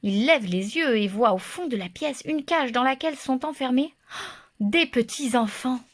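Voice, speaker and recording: A woman reading a children's story aloud in a lively, expressive way. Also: sits high, moderate pace.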